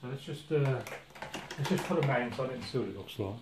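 A man with a mid-range voice and lively intonation speaks fairly quickly, thinking aloud and restarting often as he gives a casual watercolour demonstration at his easel in an indoor studio. He's a watercolour painting instructor, and the echoey room carries clear background noise.

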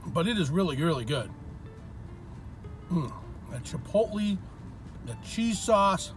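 Guy chatting thru a mouthful of food in his car, highish voice. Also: big pitch swings, slow pace, faint music behind. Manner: chatty, chewing between remarks. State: mouth full. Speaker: food reviewer. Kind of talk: casual food review vlog. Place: inside a parked car.

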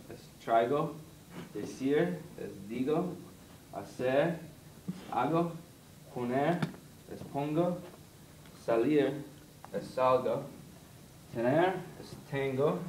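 Very slow, halting man in an echoey room. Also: medium pitch, a little mellow, a little hiss or hum. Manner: halting, spells out verb endings one by one. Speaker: student presenting a lesson. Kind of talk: slow recited grammar lesson. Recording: echoey room, mic far off.

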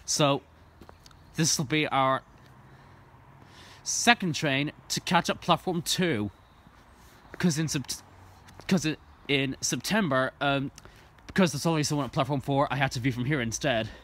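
Recording at an outdoor station platform, this young man from Ireland narrates for his trainspotting vlog through the phone camera he's holding. His mid-range voice is unhurried and a bit bright, with long pauses, and his eager, rambling commentary is full of ums and restarts.

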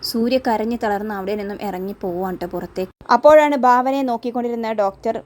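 A woman's voice: a little high, fast, a little hiss or hum. A woman casually narrating a recap of a TV serial in a chatty way, tagging her sentences with a friendly particle.

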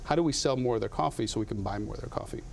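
Here the Latin American coffee entrepreneur, in his thirties, talks very fast in a fairly low voice touched with vocal fry. Interviewed in a TV studio on a lapel mic, he speaks earnestly and keeps restarting, and there's slight background noise.

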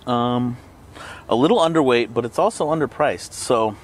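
A man's voice: mid-range voice, moderate pace, a little hiss or hum. A man hosting a casual food review vlog, rambling and joking as he eats. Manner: rambling, joking asides while eating. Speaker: burrito reviewer and channel host.

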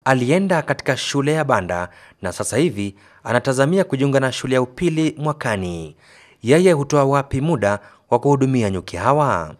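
A man's voice: mid-range voice, very animated, brisk. A man with a Kenyan accent reading scripted news feature narration in Swahili.

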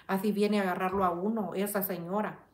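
A woman's voice: medium pitch, steady tone, brisk, darkish tone, roomy sound. A woman hosting a live chat, reading viewers' comments and indignantly defending herself, with religious phrasing. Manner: indignant, defends herself and addresses a rival directly; religious phrasing, prays for her audience. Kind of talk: casual live-stream chat.

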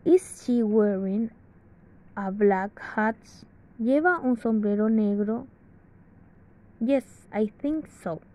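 A woman reading an English grammar lesson aloud from a textbook, slowly and carefully with pauses. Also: on the high side, darkish tone. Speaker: English teacher. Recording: dull lo-fi sound.

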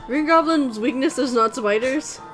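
A young woman chatting casually while playing a visual novel, excitable and quick to swear and laugh. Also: high-pitched, poor audio. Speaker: let's play co-host. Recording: music playing behind.

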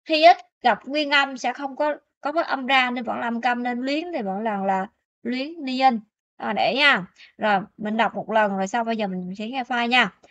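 Female teacher, slightly high voice, dry close sound, walks students through pronunciation with frequent check-ins. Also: a bit bright, no echo, highs cut off. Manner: keeps checking in with students with quick questions. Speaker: Korean language teacher. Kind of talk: explaining pronunciation rules in a lesson.

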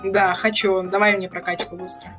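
Молодой мужчина лет двадцати по голосовой связи, упрашивает и повторяет одно и то же. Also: male voice, sits high, level tone, normal speed. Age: 20s. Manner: pleading, repeating himself. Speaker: caller on voice chat. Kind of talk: pleading voice chat. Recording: loud game music over voice.

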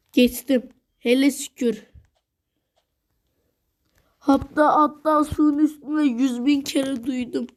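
A woman's voice: high voice, darkish tone. A woman vlogger giving casual commentary while she plays a game, exasperated and repeating her words over and over. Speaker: gaming vlogger.

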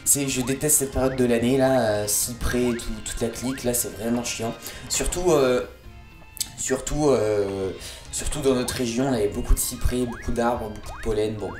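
Brief: male let's play host, stuffy and chatty, roomy recording with low game music. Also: steady tone, moderate pace, darkish tone. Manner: chatty, exclaims at the game, many fillers. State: congested from allergies. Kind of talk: gameplay commentary. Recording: echoey room with faint game music. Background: faint game music.

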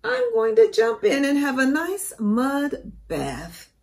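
A big, playful boy hippo from a picture book, acted out by a woman reader. The character voice is bold and swings up and down with an unhurried beat. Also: high voice, huge pitch swings, gravelly, darkish tone, voice pushed up, heavily acted. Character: jolly stomping male hippo, storybook animal.

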